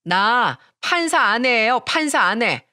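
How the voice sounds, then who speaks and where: A haughty young woman, married to a judge, sneers and threatens in a shrill, pitched-up voice, as a woman narrator puts her on. Her lines leap around with lively pitch. The recording is dry and close. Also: slow pace, no echo, heavily acted. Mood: threatening.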